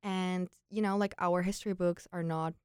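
Young woman, Czech accent, crisp clean tone, close dry sound, casual interview guest, chatty phrasing. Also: lowish voice, steady tone, normal speed, no echo. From Czech Republic, grew up in Prague. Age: young adult. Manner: informal, peppered with "like" and quoted thoughts. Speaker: interview guest, former exchange student. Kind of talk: casual personal storytelling.

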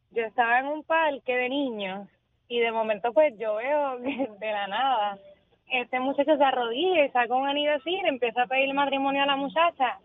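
A woman's voice: sits high, dry recording. A woman calling in to a radio show, telling a story in a chatty, amused way. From Puerto Rico. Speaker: caller. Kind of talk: phone-in storytelling. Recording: tinny dry phone line.

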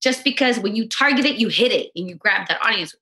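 A woman's voice: medium pitch, lively intonation, fast talker, sharp tone. A woman from Los Angeles, a radio co-host, chatting casually and emotionally as a podcast guest, full of "you know what I mean".

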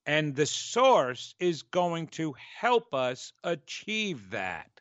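A man's voice: on the high side, big pitch swings, very slow, fairly bright tone, no echo. A man with a New York accent delivers a conversational spiritual monologue as a radio host. He leans emphatically on key words, stretching them out. The sound is close and dry, a little dull and lo-fi. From New York, United States.

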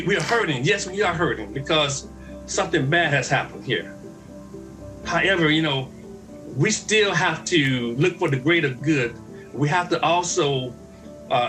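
A man's voice: fairly high pitch, a bit bright. A man giving an emphatic public statement, repeating phrases for weight. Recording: distant from mic.

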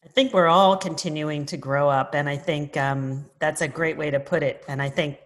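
A woman's voice: low-pitched, fairly even intonation, moderate pace. A woman hosting a podcast interview, introducing her guest in an upbeat, effusive way. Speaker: podcast host.

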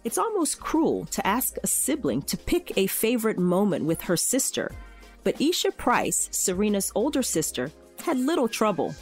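Woman host, scripted narration, lively intonation, soft music underneath. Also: mid-range voice, moderate pace. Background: faint music.

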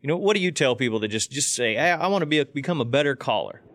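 A man's voice: mid-range voice, lively intonation, very fast, fairly bright tone, no room sound, clean studio sound. A man from Indiana hosting a casual interview, talking informally in wordy, circling phrases. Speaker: podcast host, interviewer.

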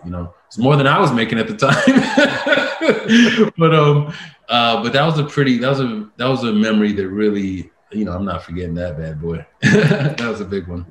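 A man, a voice-over artist and actor, telling stories as a guest in a casual interview, lively and laughing often, full of fillers and restarts. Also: on the low side, reverberant.

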